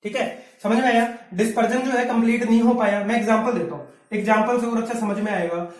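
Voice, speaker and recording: A man's voice: sits high, quick pace, recorded from a distance. Male teacher, chatty rhetorical style, echoey room. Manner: conversational, asks rhetorical questions, says "bhaiya". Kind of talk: classroom lecture.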